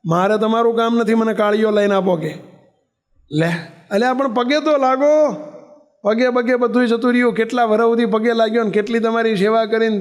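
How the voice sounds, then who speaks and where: High-voiced man preaching a story sermon. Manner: acts out characters' voices in his stories; asks the listeners rhetorical questions.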